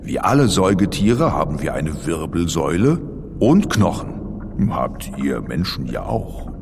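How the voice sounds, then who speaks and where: A man's voice: a bass voice, big pitch swings, measured pace, vocal fry, a little mellow, in a large hall, slight background noise, exaggerated voice. A man playing an easygoing, boastful, friendly giant blue whale, explaining things colloquially in a playful children's audio feature. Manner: colloquial, addresses the young listener directly.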